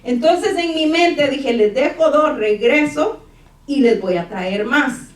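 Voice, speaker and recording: A middle-aged woman speaking in a church hall tells a story during a testimony sermon, acting out the dialogue. Her voice is high-pitched and slow. The recording is echoey and picked up from far off.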